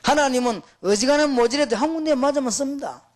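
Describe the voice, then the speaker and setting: A man's voice: very high-pitched, fast. A middle-aged man, preaching to pastors in an emphatic, storytelling way. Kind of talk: sermon to pastors.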